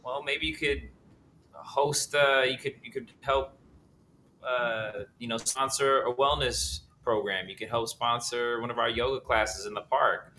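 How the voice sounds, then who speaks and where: A man in his thirties, an actor guest answering interview questions earnestly over a remote call, halting with many fillers. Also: medium pitch, fairly even intonation, sharp tone, a little hiss or hum, low-quality recording. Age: 30s. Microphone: remote call connection.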